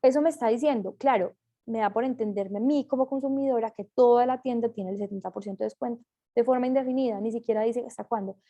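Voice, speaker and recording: A woman's voice: on the high side, fast, dark tone, dull audio. A woman reading a class presentation aloud, with small slips and self-corrections as she goes.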